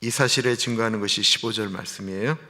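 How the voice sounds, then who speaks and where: A man's voice: lowish voice, quick pace, pushed and bright. A male pastor giving an early-morning sermon in a conversational way, asking the congregation rhetorical questions. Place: church sanctuary. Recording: livestream in a reverberant church hall.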